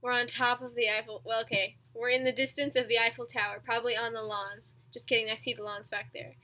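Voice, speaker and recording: A woman's voice: a little high, little pitch movement, quick pace, sharp tone. A young woman hosting a vlog indoors, chatting casually with a giggly, playful manner. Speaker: vlogger host. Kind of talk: casual chat. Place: indoor room.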